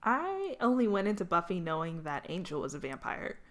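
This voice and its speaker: A woman in her twenties co-hosting a casual podcast, relaxed and agreeable, talking with easy fillers. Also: lowish voice, a little fast. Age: 20s. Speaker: podcast co-host. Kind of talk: casual chat.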